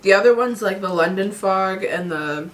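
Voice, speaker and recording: A woman's voice: medium pitch, moderate pace. A young woman, a guest friend, chatting casually and making playful puns. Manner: playful, punning, laughing. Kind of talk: casual chat. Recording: slightly distant mic with faint room noise.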